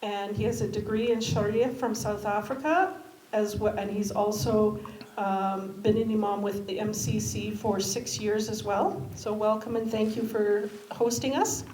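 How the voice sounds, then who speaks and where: A woman's voice: mid-range voice, fairly even intonation, a little slow, darkish tone. Hesitant woman moderating in an echoey hall. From Canada. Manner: hesitant, many fillers. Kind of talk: moderating a community panel. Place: community centre hall. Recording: echoey hall with background noise.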